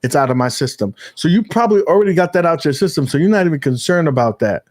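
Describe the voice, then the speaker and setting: A man co-hosting a casual gaming podcast, his voice sitting a bit high for a man. He rambles in an animated way, restarting sentences and dropping the odd curse word. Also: fast. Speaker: podcast host. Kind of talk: casual chat.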